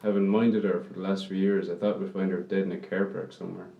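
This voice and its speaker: In a naturalistic radio drama, a man plays a weary, caring Irishman, speaking plainly and reflectively with some hesitation. His low-pitched, creaky voice keeps a level tone and talks fast, on a muffled recording with a roomy, echoing sound.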